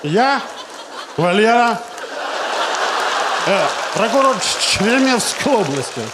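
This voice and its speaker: A bumbling provincial prosecutor on board in a stage sketch. He speaks slowly and hesitantly in a high, swooping voice, in an echoey hall with crowd noise. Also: expressive. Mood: bumbling, curious. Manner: halting, hesitant. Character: slow, bumbling male passenger Valera, a provincial prosecutor.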